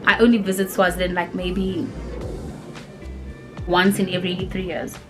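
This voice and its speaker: Talking over music, this woman in her 20s has a fairly low pitch and a moderate pace. Raised in Cape Town, South Africa, she answers viewer questions in a rambling, animated, casual way, her speech packed with fillers like "like" and "you know."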